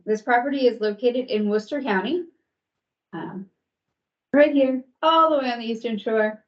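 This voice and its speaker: A woman on the commission staff gives a formal, measured briefing with a few hesitant ums, heard through remote video-call audio from a recorded online meeting. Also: a little high, lo-fi sound.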